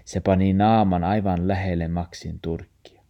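A man reading a children's story aloud in a calm, even manner. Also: low voice, muffled recording. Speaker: narrator.

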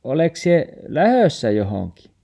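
A man reading a storybook, playing a kind, reassuring grandfather who coaxes gently in dialect. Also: fairly high pitch, big pitch swings, creaky, pitched above the performer's own voice, heavily acted. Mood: coaxing. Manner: warm coaxing dialect speech.

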